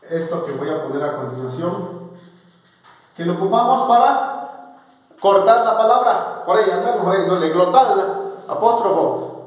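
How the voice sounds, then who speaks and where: A man from southern Mexico, a native speaker of Zapotec, teaching an alphabet in a casual spoken lesson, drawing out syllables and tones slowly. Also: high voice. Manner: slow, drawn-out syllables and tones. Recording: echoey room with long reverb.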